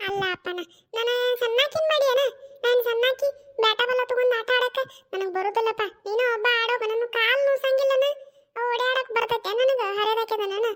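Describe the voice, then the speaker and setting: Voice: extremely high pitch, a little fast, fairly bright tone. An actor doing an old village grandmother. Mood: pleading. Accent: North Karnataka Kannada. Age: older. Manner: pleading, coaxing, soothing. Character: old village grandmother, tired legs, gentle. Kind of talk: cartoon character voice.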